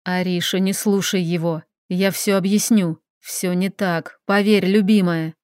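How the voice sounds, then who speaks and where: A woman voicing a jealous, protective Italian man who growls low and pleads softly. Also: steady tone, normal speed, clear, resonant tone, no room sound, studio quality, natural voice. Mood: soft pleading.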